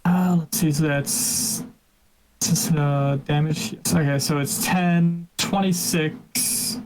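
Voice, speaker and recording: Slightly high-voiced man playing a tabletop game. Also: steady tone, slow, slight background noise, rough recording. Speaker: player. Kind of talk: casual tabletop game chat.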